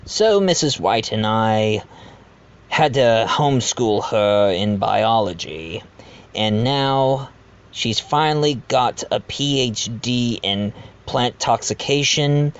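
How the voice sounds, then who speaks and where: Guy acting genteel blackmailer who owns a manor, slow and confiding, dull lo-fi home recording, audio drama. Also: mid-range voice, expressive, smooth. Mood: fond. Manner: confiding, addresses the listener. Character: blackmailing manor owner, self-aware, genteel adoptive father. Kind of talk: amateur audio drama narration.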